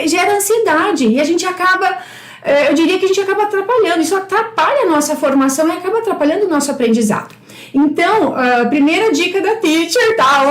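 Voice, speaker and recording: A Brazilian woman with a high voice gives a live English lesson. She encourages her class and says each English phrase slowly, more than once. Her voice echoes around the room. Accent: Brazilian Portuguese. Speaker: English teacher.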